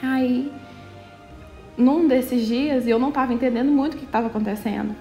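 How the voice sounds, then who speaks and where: A young woman from Brazil shares a personal testimony with a high voice. She tells it earnestly, often slowing down and using many fillers. Soft music plays faintly behind her. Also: steady tone. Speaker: church member sharing testimony.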